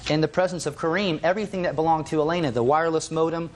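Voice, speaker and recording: A man testifying as plaintiff in a television courtroom, telling his story in animated detail. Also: fairly high pitch, racing. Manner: animated storytelling, quotes others.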